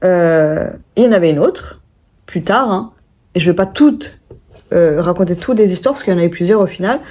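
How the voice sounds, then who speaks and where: Woman, young adult, vlogger, casual storytelling, chatty, lots of fillers, low-pitched, mellow tone. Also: lively intonation, moderate pace. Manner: chatty, many fillers and restarts, acts out quoted voices.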